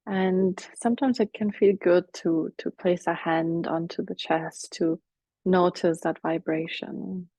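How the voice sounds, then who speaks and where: A woman leading a guided breathing meditation as a teacher, speaking softly and soothingly, with some cues half whispered. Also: on the low side, steady tone, slightly rough, dry recording. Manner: soft, slow, soothing guidance with whispered cues.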